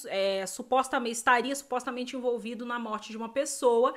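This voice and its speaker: High-voiced Brazilian woman in chatty talk. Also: fairly even intonation, moderate pace. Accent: Brazilian Portuguese. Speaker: podcast co-host. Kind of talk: casual chat.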